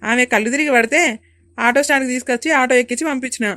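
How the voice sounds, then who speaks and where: Cartoon village boy, Telangana accent, high and fast, earnest; woman voicing. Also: steady tone, sharp tone, no room sound, clean studio sound. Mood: helpful. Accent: Telangana Telugu. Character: polite young village boy. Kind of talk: animated comedy voice acting.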